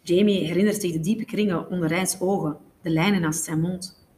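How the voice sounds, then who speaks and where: Low-voiced woman reading a novel aloud. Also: fairly even intonation, moderate pace, darkish tone, slight background noise. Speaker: audiobook reader. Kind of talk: scripted narration of a novel.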